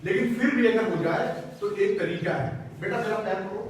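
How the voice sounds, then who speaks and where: Male trainer, high voice, animated and coaxing with children; boomy reverberant room, faint background noise. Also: fairly quick, recorded from a distance. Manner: animated, coaxing, urging kids to shout. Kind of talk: classroom talk to children. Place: school classroom or hall.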